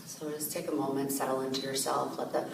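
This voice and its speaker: A woman meditation teacher calmly guiding a meditation, speaking gently and slowly with soft fillers. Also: rumbling low, creaky. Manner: gentle, slow, soothing guidance with soft fillers. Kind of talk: guided meditation. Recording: echoey room, distant mic, noisy ambience.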